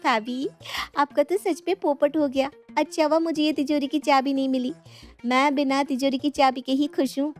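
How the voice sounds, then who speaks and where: High sugary voice from a woman doing a scheming young daughter-in-law, soft music under it. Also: steady tone, normal speed, lightly acted. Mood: mocking. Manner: sweet-talking, scheming.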